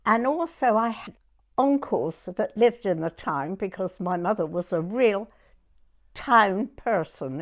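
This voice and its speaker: This oral history interviewee is a woman in her nineties from Dorset, England, with a southern English accent and a medium-pitched voice. She reminisces haltingly and conversationally, frequently making sure her listener understands.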